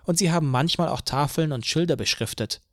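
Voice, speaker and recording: A calm, smug police officer , as a male narrator plays him in an audiobook, his voice pitched slightly above the reader's own. He lectures in a measured, patient way. The sound is dry and close. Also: no echo, natural voice.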